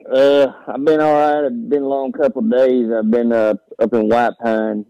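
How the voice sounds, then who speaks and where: A man's voice: mid-range voice, little pitch movement, moderate pace, clean tone, no echo. A man with a Southern Appalachian accent chatting casually as a phone-in caller in a folksy, drawling, storytelling way. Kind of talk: casual chat. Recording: dull, band-limited phone call.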